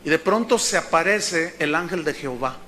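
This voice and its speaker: A man preaching with a high, bright voice, acting out the people in his stories. He swings between quiet asides and sudden shouts. A faint background noise sits under the recording. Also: moderate pace. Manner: lively, acts out dialogue with bursts of shouting. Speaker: pastor. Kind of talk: animated sermon.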